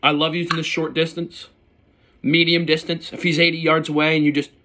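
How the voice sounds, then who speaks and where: A man's voice: a little high, level tone, brisk, bright, forceful tone, a little hiss or hum. A man talking informally and bluntly, with mild swearing and slang, as a hunter casually showing and explaining his gear. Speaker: turkey hunter presenting his calls. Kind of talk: casual hands-on gear demonstration.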